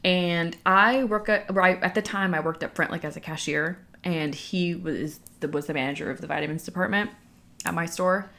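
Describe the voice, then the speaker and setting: A young woman with a slightly low voice talks as if to her followers in a casual, candid way. She is audibly out of breath, breathing heavily between phrases, and her chatty storytelling is peppered with "like". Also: moderate pace, vocal fry, sharp tone. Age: young adult. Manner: chatty, filler-heavy with frequent "like". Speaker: vlogger speaking to followers.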